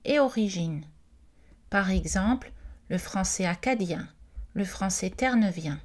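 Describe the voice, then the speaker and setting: A woman's voice: on the high side, a little mellow. A woman reading an informational presentation aloud, carefully and with the odd hesitant aside. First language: not Quebec French.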